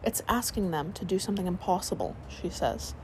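A woman narrating a sleep story, reading aloud in a calm, soothing way. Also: lowish voice, brisk, slight background noise, rough recording.

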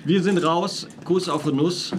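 A man's voice: high voice, a little slow. Joking man hosting a noisy podcast. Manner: jokey, steers the talk. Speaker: podcast host. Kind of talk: casual chat. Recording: noisy home recording.

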